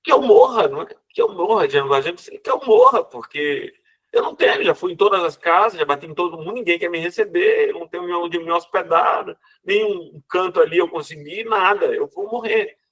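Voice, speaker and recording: A man's voice: sits high, expressive, a little fast, fairly bright tone, pitched above the performer's own voice, low-quality recording. A man voicing a desperate homeless ex-convict, pleading in a raised, strained voice.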